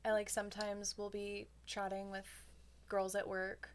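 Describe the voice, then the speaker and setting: A young woman in casual podcast chat with her co-host, telling stories in an animated way and laughing often. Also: medium pitch, a little slow.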